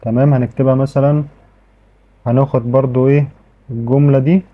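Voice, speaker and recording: Brisk and flat in delivery, a mid-range male voice with an Egyptian accent guides viewers through a casual screen-recorded tech tutorial. He's chatty, frequently restarts what he's saying, and uses "okay" often. The recording is tinny, as if made on a phone.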